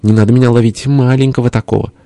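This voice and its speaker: A man voicing a tiny, cowardly male ruler who squeaks and whimpers. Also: fairly even intonation, fast talker, mellow, dry recording, close to an everyday voice. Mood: whiny. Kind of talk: audiobook character voice.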